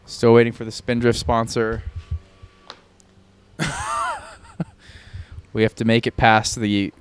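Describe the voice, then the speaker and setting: A man co-hosting a casual podcast, playful and quick to laugh, often repeating the other host's words. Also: medium pitch, flat delivery, a little hiss or hum. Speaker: podcast co-host.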